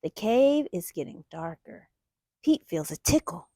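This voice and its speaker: A woman with a lowish, mellow voice hosts a children's storytime, reading a picture book aloud with lots of expression and asking the young listeners questions. Her delivery is very animated but a little slow, captured in clean studio sound with no room noise.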